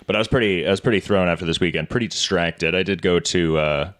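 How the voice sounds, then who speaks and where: A man's voice: sits low, quick pace, fairly bright tone. A man hosting a casual call-in show, rambling and correcting himself as he talks, speaking into a studio microphone. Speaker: show host. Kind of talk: casual radio chat.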